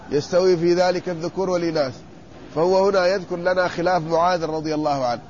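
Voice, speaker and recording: A man teaching a classroom lesson, stretching out word forms slowly and quizzing his students. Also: sits high, a little mellow. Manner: drawn-out repetition of word forms, questioning students. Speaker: sheikh teaching inheritance law. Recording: muffled lo-fi lecture recording with faint noise.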